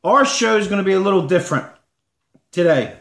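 High-voiced middle-aged man hosting, roomy sound. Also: expressive, a little fast, gravelly, fairly bright tone, slight background noise. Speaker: host of a sports picks show. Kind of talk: casual comedic show chat. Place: living room at home. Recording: roomy home webcam sound.

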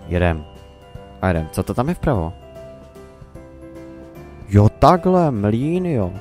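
Young man, Czech accent, deep voice, rambling, thinking aloud, faint background music. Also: sing-song, a little mellow. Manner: rambling, musing, talks to himself and the game. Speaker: let's play commentator. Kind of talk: casual gameplay commentary.

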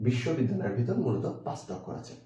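A man teaching an exam-prep grammar lesson. He asks the viewer questions, answers them himself and breaks words into syllables slowly. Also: medium pitch, animated, dark tone. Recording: echoey room, far from the mic.

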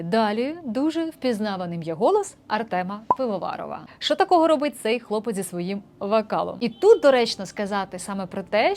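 A young woman vocal coach in a casual lesson, explaining voice technique and breaking into short sung demonstrations. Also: medium pitch. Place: indoor room with a street musician outside.

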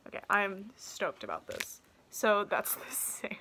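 Chatting casually through an unboxing, this young woman in her twenties speaks at medium pitch, a little slowly and creakily, excitable and full of "um" and "like." Her desk camera records close up in a small doll-shelved room, where the noisy background includes loud crinkling packaging and clicks.

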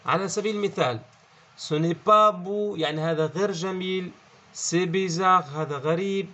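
Male teacher with a Levantine Arabic accent, slightly high voice, patient explainer, dull muffled recording. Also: moderate pace, bright, forceful tone. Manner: explanatory, checks in with "okay?" often, repeats key words. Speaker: French teacher. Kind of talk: online language lesson.

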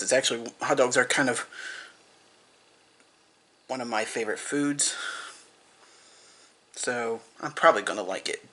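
Bright-voiced young man vlogging a snack. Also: medium pitch. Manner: rambling, repetitive, eats and talks with mouth full. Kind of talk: casual food-tasting vlog.

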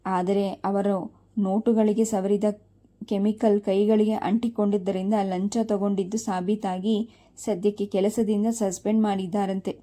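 A woman's voice: mid-range voice, flat delivery, unhurried, mellow, close to an everyday voice. Woman reading as a sarcastic, gloating daughter. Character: young adult daughter, sharp-tongued and mocking.

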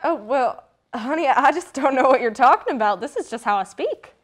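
A bubbly country rodeo queen, acted by a woman, talks in a high, bright voice with a put-on Southern drawl. She is homespun and folksy and calls everyone honey. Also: expressive, normal speed. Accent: put-on American Southern country. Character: folksy cowgirl rodeo queen, chirpy, full of country sayings. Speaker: guest character.

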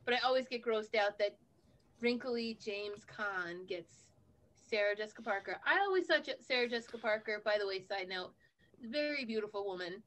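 Bright-voiced chatty woman. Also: mid-range voice, lively intonation, moderate pace. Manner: chatty, opinionated asides. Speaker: podcast co-host. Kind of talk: casual chat.

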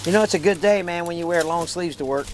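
A man hosting a casual outdoor video, folksy and excitable, laughing often as he talks. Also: sits high, fast, noisy background. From Florida. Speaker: host. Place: outdoors in woods.

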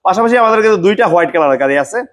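A man's voice: sits high, lively intonation, very fast. A Bangladeshi man hosting a promotional car showroom vlog, salesy and repeating prices and features for viewers.

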